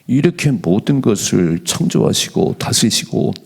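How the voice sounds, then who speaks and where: A middle-aged male pastor giving an animated dawn prayer sermon in a church, slowing down whenever he reads scripture aloud. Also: lowish voice, vocal fry, slightly rough. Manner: animated preaching, slows to read scripture aloud. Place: church sanctuary.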